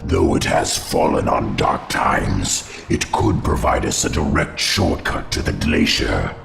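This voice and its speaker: A man voicing an ancient undead crypt lord in a fantasy game, loyal and grave, with formal, measured speech and a gravelly, cavernous tone. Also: very deep voice, very animated, heavily acted. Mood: grave counsel. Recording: echoing voice with noise behind.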